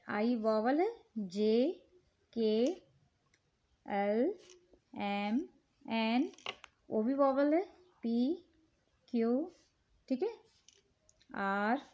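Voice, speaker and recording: A woman with an Indian accent and a high, light voice walks through a children's worksheet. She talks slowly and patiently, checking in with the listener again and again. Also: darkish tone, highs cut off. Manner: slow, patient, repeats "ठीक है" often. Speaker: teacher showing worksheets. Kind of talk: casual instructional talk.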